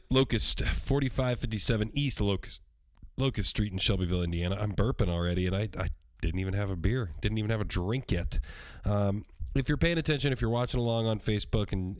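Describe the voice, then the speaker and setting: Hosting his own podcast livestream solo, a man with a deep, hoarse voice rambles loosely, swears freely and fills pauses with lots of ums. The recording is dry and close, with no room sound at all.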